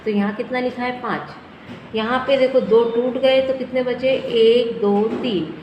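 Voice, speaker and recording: A woman, teaching a first-grade maths lesson, counting aloud slowly and asking and answering her own questions. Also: fairly high pitch, a little mellow. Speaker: primary school teacher. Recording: echoey hall with faint noise.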